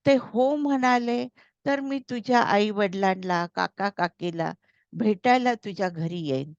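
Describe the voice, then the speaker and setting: A woman voicing a firm, protective older brother giving advice in a slow, low-key read, on a slightly dull, dry recording. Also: vocal fry, no room sound.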